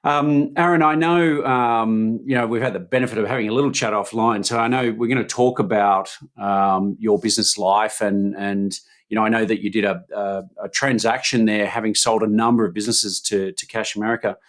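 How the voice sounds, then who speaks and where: A man's voice: on the low side, steady tone, a little fast, few pauses. Australian man hosting an interview. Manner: hesitant, many fillers and restarts. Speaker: podcast host.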